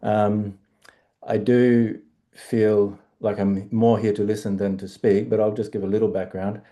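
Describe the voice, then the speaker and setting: A middle-aged man with an Australian accent, speaking as a panelist in an online discussion in a halting, self-deprecating way. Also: on the low side, level tone, warm tone. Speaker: panelist, stove enterprise founder.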